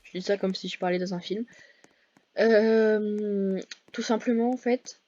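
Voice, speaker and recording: A woman's voice: medium pitch, steady tone, a little slow, mellow, no room sound, highs cut off. A woman giving casual, hesitant commentary over her gameplay, full of fillers and self-corrections. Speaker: gaming video creator.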